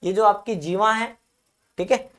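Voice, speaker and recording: A male Hindi teacher giving a live online grammar class, asking his own questions and answering them, repeating key terms slowly so students can write them down. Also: high voice, a bit bright.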